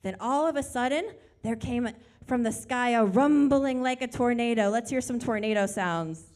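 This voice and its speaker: A woman's voice: fairly high pitch, normal speed. A woman preacher telling a story to a congregation of all ages, inviting them to join in. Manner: animated, calls for audience participation. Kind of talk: interactive children's sermon storytelling. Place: church sanctuary.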